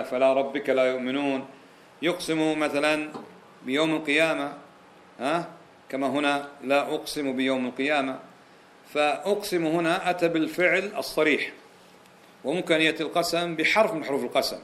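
A man's voice: medium pitch, a bit bright, slight background noise. A man teaching a Quranic exegesis lesson, explaining point by point, repeating key phrases and putting rhetorical questions to his listeners. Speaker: religious teacher.

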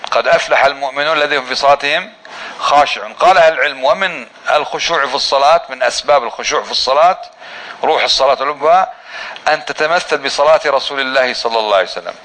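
An Islamic teacher gives a lesson on prayer, posing questions to his listeners and answering them himself while slowly drawing out the phrases he demonstrates. His voice is mid-range and fairly bright. The recording quality is rough.

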